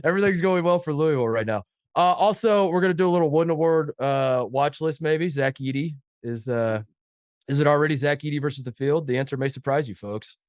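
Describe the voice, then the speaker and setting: Nasal from a head cold, this sports podcast co-host speaks a little fast in a slightly high, darkish, clean voice with no echo. He rambles in casual sports chat, cracking self-deprecating jokes.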